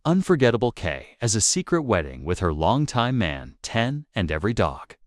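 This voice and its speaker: A man's voice: fairly low pitch, very animated, normal speed, dry recording, clean studio sound. A man narrating celebrity gossip for his show in a wry, teasing way.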